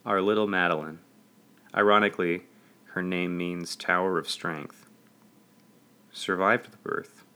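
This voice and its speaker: A man's voice: sits low, fairly even intonation, unhurried, pauses often, pushed and bright, smooth. Earnest man narrating a memoir. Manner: earnest, reflective. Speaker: audiobook narrator.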